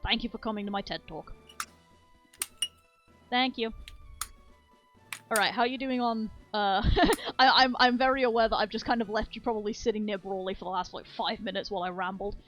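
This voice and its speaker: A woman's voice: fairly high pitch, fairly even intonation, fairly quick, a bit bright, muffled recording, soft background music. A woman streamer chatting casually and rambling enthusiastically about speedrun details, swearing freely. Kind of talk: casual game-stream chat.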